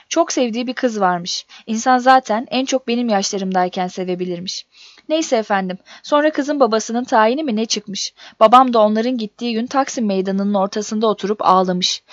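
A woman reading a first-person story aloud in a steady, measured audiobook narration. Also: mid-range voice, no room sound. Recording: dull dry recording.

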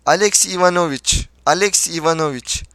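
A man voicing a pompous, blustering older general in an audiobook, indignant and quick to plead. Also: on the high side, a bit bright, clear, resonant tone, no room sound. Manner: indignant, blustering, then imploring. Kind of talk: audiobook character reading.

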